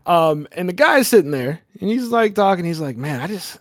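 A man's voice: high voice, very animated, moderate pace, no room sound. Brief: casual, swearing male game master setting up a spooky scene, dry sound. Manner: rambling, profane, casual. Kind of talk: narrating a horror tabletop game.

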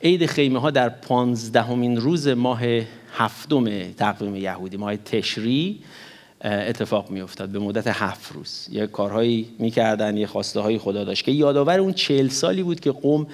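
A man preaching a sermon, teaching with animated rises in emphasis and now and then slipping English words into his talk. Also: mid-range voice. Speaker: pastor.

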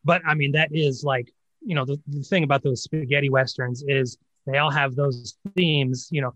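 A man's voice: medium pitch, fairly even intonation, normal speed, fairly bright tone, no echo, muffled recording. A man on a casual podcast chat with a dry, teasing sense of humor. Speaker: podcast co-host.

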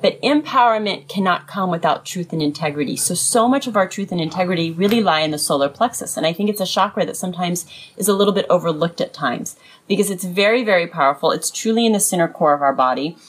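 A woman's voice: lowish voice, expressive, fast, breathy edge. A woman speaking as a sound healer, talking about and guiding spiritual practice. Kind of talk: conversational explanation of chakras and sound healing.

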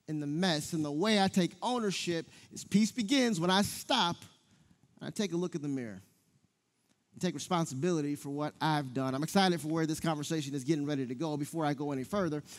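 A man in his thirties, a pastor preaching a sermon, who tells stories with lively delivery and speaks directly to the congregation. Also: a little high, long reverb tail. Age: 30s. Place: church sanctuary.

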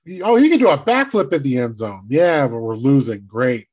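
A man's voice: medium pitch, very animated, moderate pace, darkish tone, husky. A man co-hosting a sports podcast in casual chat, teasing dryly while reading out draft picks. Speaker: podcast co-host.

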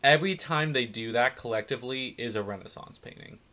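A man's voice: medium pitch, a little fast, pushed and bright. A man co-hosting a casual chat, joking and acting out lines in silly voices. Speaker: podcast co-host. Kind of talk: casual chat recapping a film.

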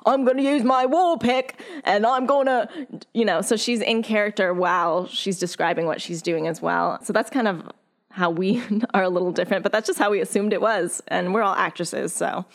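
Female guest, lower-pitched, animated storyteller, quick to laugh. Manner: animated, laughs often, lively acted quotes. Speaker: actress and guest, dungeon master. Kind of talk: casual interview chat.

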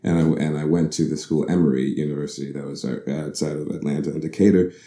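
A man's voice: extremely low pitch, steady tone, fast talker, mellow. A man in his thirties from the Bahamas, an actor being interviewed, telling his story thoughtfully, correcting himself often and laughing easily. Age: 30s. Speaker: actor guest. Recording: roomy echo.

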